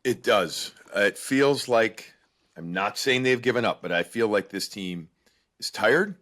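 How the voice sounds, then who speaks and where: Animated male sports podcast co-host. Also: fairly low pitch, a little slow. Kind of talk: casual sports talk.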